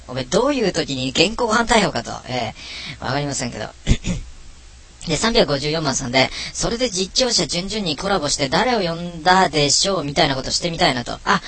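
A man's voice: a little high, sharp tone. A man talking casually through a voice changer while reading comments, grumbling and mocking himself. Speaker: streamer reading viewer comments. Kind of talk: casual chat.

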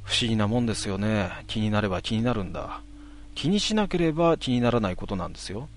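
A man telling a ghost story in a hushed voice, with drawn-out words and dramatic pauses. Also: lowish voice, expressive, a little hiss or hum.

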